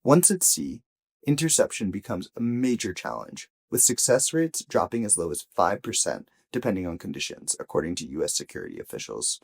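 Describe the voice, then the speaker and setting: Medium-pitched, creaky and husky, a man's voice reads out a scripted audio news investigation. He speaks as a journalist, with careful, measured phrasing and pauses placed for emphasis.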